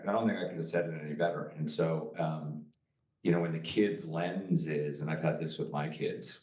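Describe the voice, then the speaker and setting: A man's voice: very deep voice, darkish tone. A middle-aged man, an entrepreneur guest, talking earnestly in a casual interview with many restarts. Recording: roomy, distant from the mic.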